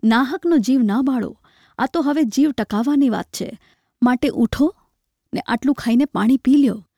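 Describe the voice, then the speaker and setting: A woman reading a story aloud, voicing a poor village wife who speaks softly, pleading and tender with her husband. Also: high voice, moderate pace, creaky, no room sound, studio quality.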